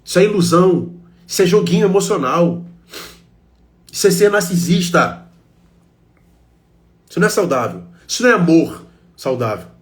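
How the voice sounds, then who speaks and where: A Brazilian man with a fairly high voice gives a heartfelt self-help talk. He speaks straight to his listeners and drives points home with short, repeated phrases. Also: big pitch swings, moderate pace, long pauses. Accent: Brazilian Portuguese.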